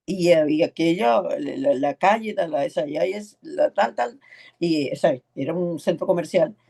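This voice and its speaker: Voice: mid-range voice, normal speed, gravelly, warm tone, slightly rough. A preacher teaching an evangelism class in a sermon style, stressing points by repeating words and acting out the voices in a story.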